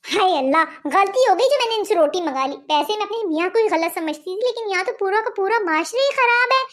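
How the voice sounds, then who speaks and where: A woman playing a sharp-tongued young wife. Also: very high voice, expressive, quick pace. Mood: indignant. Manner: sharp-witted, complaining. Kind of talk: comedy skit.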